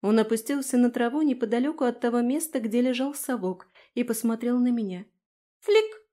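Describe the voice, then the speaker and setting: A woman narrating a first-person fantasy audiobook in an expressive, storytelling manner. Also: fairly high pitch, fairly quick.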